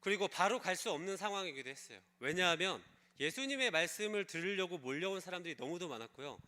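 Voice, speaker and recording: At a church service, a male pastor preaches a sermon, telling a story and asking the congregation questions. His voice is high-pitched, expressive and sharp, and he talks fast.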